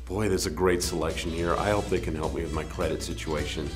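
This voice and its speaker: Man acting as low-voiced husband in echoey room. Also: steady tone, brisk, lightly acted. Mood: earnest. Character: everyday husband and car buyer with bad credit. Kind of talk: infomercial testimonial acting. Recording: roomy echo, faint music behind.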